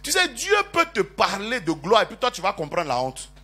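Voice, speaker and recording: A man preaching a sermon as bishop, calling on the congregation to answer amen, teasing them with jokes and rising to loud prophetic declarations. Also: sits high, moderate pace, faint music behind. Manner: animated preaching with call-and-response.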